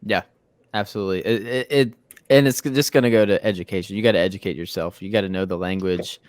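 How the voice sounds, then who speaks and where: A man's voice: fairly low pitch, steady tone, fast talker, dry recording, clean studio sound. A twenty-two-year-old man hosting a casual podcast interview, talking conversationally with repeated words, "you know," and "bro.". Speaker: podcast host.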